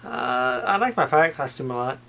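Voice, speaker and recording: A man's voice: on the high side, animated, brisk, pushed and bright, rough recording. A man chatting casually with his girlfriend on her vlog and cracking dry jokes. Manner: joking, dry. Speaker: vlogger's boyfriend. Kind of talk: casual chat.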